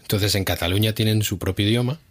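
Deep-voiced Spanish man, rambling explainer. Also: quick pace. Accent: Spanish from Spain. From Spain. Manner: explains at length, hesitant, many fillers. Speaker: co-host. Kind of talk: casual chat.

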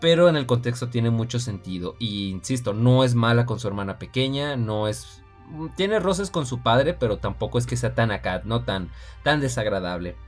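A man's voice: mid-range voice, animated, moderate pace, soft background music. A man with a Mexican accent hosting a casual film review podcast, talking chattily and often addressing his listeners directly. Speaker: podcast host.

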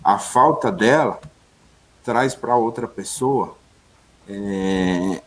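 A man co-hosting a casual chat, calmly reflecting on love and relationships. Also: on the low side, extremely slow. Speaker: co-host.

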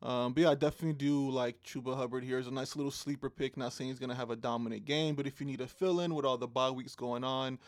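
A man co-hosts a casual fantasy football podcast, easygoing and full of ums and playful banter about teams. His medium-pitched voice is steady and quick with hardly any pauses, recorded at studio quality with no echo.

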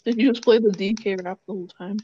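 A man with a fairly high voice teases his friend and spins deadpan little stories. His voice comes through a dull, lo-fi recording. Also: fast, a little hiss or hum. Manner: teasing, storytelling, deadpan jokes. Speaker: gaming friend. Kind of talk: casual banter. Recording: dull lo-fi sound.

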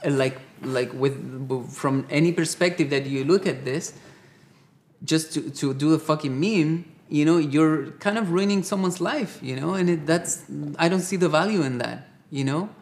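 A man's voice: on the high side, moderate pace, slight background noise. A man from Colombia with a Colombian accent, talking casually as a guest, rambling with many fillers and growing heated. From South America. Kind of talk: casual conversation.

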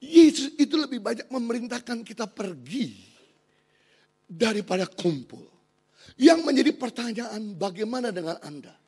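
A middle-aged man from Indonesia preaching a sermon, his voice sitting high for a man. He tells his stories in a low, hushed tone, then rises to loud, emphatic declarations. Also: very animated, moderate pace, breathy edge. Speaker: pastor.

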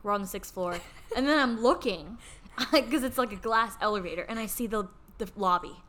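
A woman's voice: mid-range voice, moderate pace, bright, forceful tone. A young woman casually telling a funny story, laughing often and acting out what people said. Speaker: storyteller guest. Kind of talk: casual chat.

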